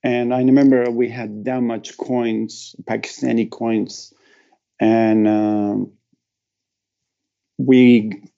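A middle-aged man from Afghanistan recounts a personal story in an interview, speaking haltingly with broken phrasing and emotional pauses. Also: mid-range voice, little pitch movement, gravelly, warm tone, highs cut off. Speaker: guest.

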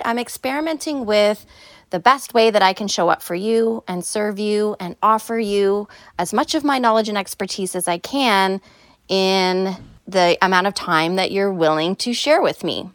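A woman's voice: medium pitch, animated, moderate pace, no room sound, clean studio sound. A woman hosting a solo podcast in a casual, conversational way, recorded on a phone inside a small closet. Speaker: podcast host. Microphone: phone, no headphones.

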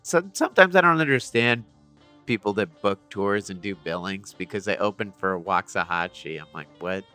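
A man hosting an in-person podcast interview in an apartment, relaxed, with short agreeing replies. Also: on the low side, moderate pace, soft background music. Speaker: podcast host. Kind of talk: casual interview chat.

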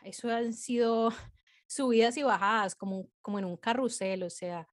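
Brief: woman in her thirties, interview guest, somewhat high voice, animated and chatty storyteller. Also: normal speed. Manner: animated, chatty, frequent filler words.

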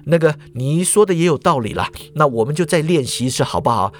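A man's voice: very high voice, a little slow, a bit bright, slight background noise, pitched above the performer's own voice. A man voicing an easygoing young man who pleads and coaxes. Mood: coaxing. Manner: pleading, coaxing.

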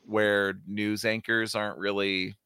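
Blunt swearing man, bright voice. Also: lowish voice, little pitch movement, a little slow, clear, resonant tone, no echo, studio quality. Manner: blunt, swears freely, heated when ranting. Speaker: podcast host. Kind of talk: casual chat, movie review.

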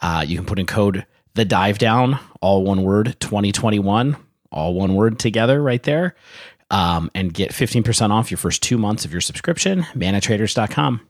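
A man co-hosting a casual podcast, chatty and joking, reading out card text and giving shout-outs. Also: on the low side, expressive, moderate pace, no echo, studio quality. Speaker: podcast co-host.

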